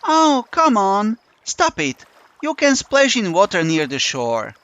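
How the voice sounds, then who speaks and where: A man's voice: sits high, sing-song, a little slow, a bit bright, dry recording, muffled recording, voice pushed up, heavily acted. A man voicing a playful, mischievous catgirl with cat ears and a tail in an audiobook reading. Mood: teasing. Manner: teasing, sly. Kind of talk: audiobook character voice.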